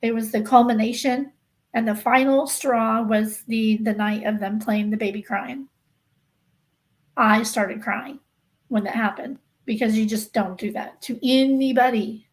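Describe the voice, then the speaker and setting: On a casual livestream for her true-crime gossip channel, a woman with a rather high voice speaks steadily at a measured pace, though the audio is poor. She presses her points on viewers emphatically and insistently, repeating herself for emphasis.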